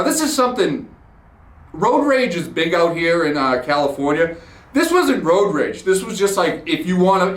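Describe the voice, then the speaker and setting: A podcast host rants through a blunt, profane, sarcastic story in a monologue. His voice sits high with a fairly bright tone, and the recording has a roomy, echoey sound.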